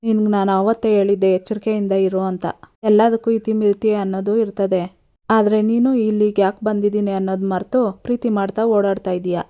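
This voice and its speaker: A woman's voice: medium pitch, level tone, fairly quick, dark tone, close to an everyday voice. A woman voicing a young college friend who scolds and then comforts, in her own plain voice. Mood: scolding.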